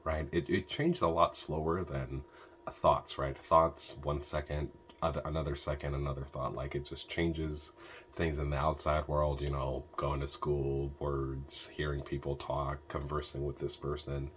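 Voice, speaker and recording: A man's voice: a bass voice, flat delivery, a little slow, a bit bright, slight background noise. A man from Ethiopia giving a reflective meditation talk, thoughtful and hesitant, with many fillers and restarts. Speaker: meditation teacher.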